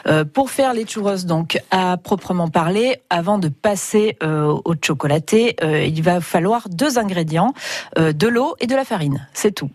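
A woman's voice: fairly low pitch, animated, normal speed, darkish tone, no echo, clean studio sound. A woman food journalist walking listeners through a recipe on a radio cooking segment, chatty and full of hesitations. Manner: chatty, frequent "euh" hesitations.

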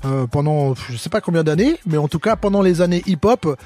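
A man's voice: on the high side, lively intonation, a little fast, warm tone. A man chatting playfully as a DJ guest in a radio studio. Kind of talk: casual radio chat.

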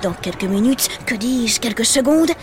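A woman's voice: a little high, expressive, moderate pace. A woman telling a children's story in a playful, theatrical way, full of exclamations. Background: music.

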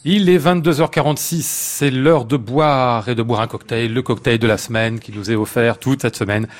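A man's voice: mid-range voice, steady tone, normal speed. A man hosting a live radio talk show in a hotel, chatty and playful with his guests. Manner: chatty, laughs often, playful. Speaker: radio host. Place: hotel lounge, live with audience.

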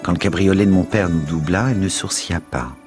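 A male radio host reads a novel aloud in a steady, expressive style. His voice is extremely low. Faint music plays quietly underneath. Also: brisk. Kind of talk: literary reading on radio.

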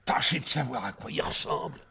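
A persuasive nobleman in a 1960s radio play, coaxing and smooth-talking. His voice is gravelly and bright, with a lively melody. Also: medium pitch, brisk, heavily acted. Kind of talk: 1960s radio drama acting.

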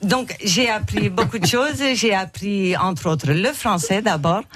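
Chatting as a guest in a radio interview, a woman in her sixties from Flemish Belgium, whose first language is Dutch, speaks French as a second language with a Flemish accent, hunting for words amid many pauses and fillers. Her voice is medium-pitched, and the recording is very noisy.

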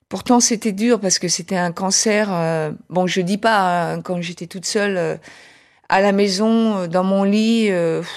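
A middle-aged woman with an American accent speaking French, talking haltingly about her life as a guest in an interview. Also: mid-range voice. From United States. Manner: hesitant, many fillers and restarts. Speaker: guest chef. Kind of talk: personal interview talk.

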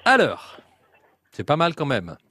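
A man hosting a live radio quiz as a game show host, drawing out questions and tossing in quick asides. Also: on the high side, wildly swooping pitch, pushed and bright, soft background music. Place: radio studio.

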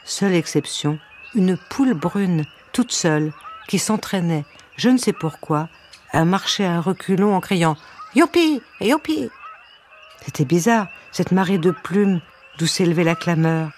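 A woman storyteller reading a children's story aloud, with a gentle, wry narration and playful asides. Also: fairly low pitch, measured pace, a little hiss or hum.

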